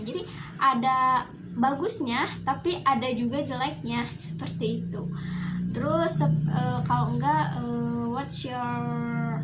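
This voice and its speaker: A young woman with a high voice talks slowly through a casual lesson review, pausing often and filling gaps with hesitant sounds. Steady noise hums under her voice throughout. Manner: hesitant, many fillers and pauses. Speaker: student presenting a review.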